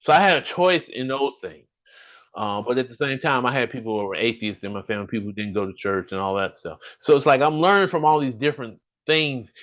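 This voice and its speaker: A man's voice: mid-range voice, fairly bright tone, highs cut off. A man in his fifties from Alabama with a Southern accent, talking earnestly and rambling a little as a podcast host over a video call. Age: 50s. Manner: earnest, rambling, restarts sentences.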